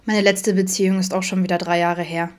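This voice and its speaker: A woman voicing Vincent, a grown man who chats openly and teases his friends, read in her own fairly low voice. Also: little pitch movement, a little fast, close to an everyday voice. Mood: wistful. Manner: chatty, teasing. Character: adult man, camp cook, open and teasing.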